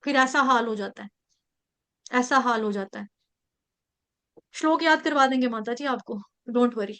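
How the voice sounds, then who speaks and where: Woman spiritual teacher, high bright voice, animated storytelling, scripture class. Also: a little slow. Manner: animated, acts out quotes in the story.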